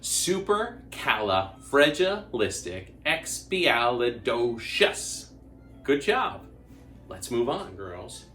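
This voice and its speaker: A kids' party magician with a very animated, up-and-down delivery, recorded in a roomy, echoey space with faint music. The host is playful and exclamatory, coaxing children to join in with call-and-response. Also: medium pitch, normal speed. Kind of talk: interactive kids' party magic show for camera.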